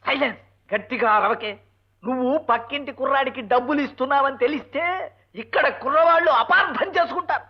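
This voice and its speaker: An actor playing a grumbling, henpecked husband and lecturer who mutters sarcastic insults and shouts for silence. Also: male voice, extremely high pitch, quick pace. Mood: exasperated. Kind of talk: 1980s film comedy dialogue. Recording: dull lo-fi old film soundtrack.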